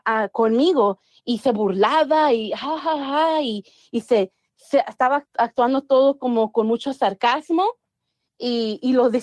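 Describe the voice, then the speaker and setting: Woman, higher pitch, dry recording, chatty storytelling, many restarts. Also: a little mellow, dry recording. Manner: mixes English words into Spanish, many restarts. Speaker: guest. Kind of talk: casual storytelling interview.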